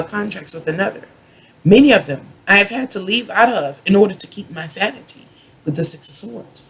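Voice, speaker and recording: A tarot reader from the United States with a husky, raspy voice that often drops into gravelly fry. The delivery is a rambling, drunken rant, stopping and starting, stretching words and circling back over the same points. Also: medium pitch, low-quality recording. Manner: self-described drunken ranting, halting with drawn-out words and repetition. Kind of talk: rambling monologue tarot reading.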